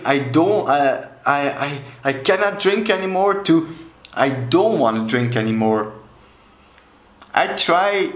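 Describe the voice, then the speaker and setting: A Belgian alcohol coach in his thirties with a Dutch accent speaks earnestly to camera, slow and deliberate, gesturing with both hands. His voice is on the high side. He's filmed head and shoulders on the camera mic in a small indoor room with a plain wall, and the room sounds echoey.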